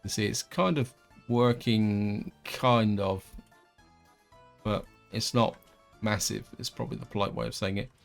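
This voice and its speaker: A man hosting a gameplay video, thinking aloud in a relaxed, rambling way with plenty of hedges. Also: fairly low pitch, a little slow, vocal fry, soft background music. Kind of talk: casual let's-play commentary.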